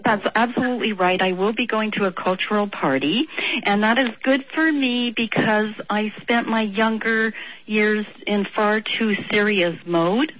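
A woman in her early sixties calling in to a radio show, talking earnestly and haltingly. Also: medium pitch, muffled recording. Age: 60s. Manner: earnest, halting, laughs easily. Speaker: caller. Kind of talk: call-in radio chat.

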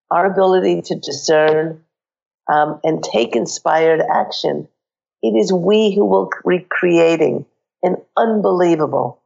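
Woman radio host with a gravelly cold-worn croak, earnest spiritual monologue, muffled audio. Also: fairly low pitch, darkish tone. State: hoarse from a cold.

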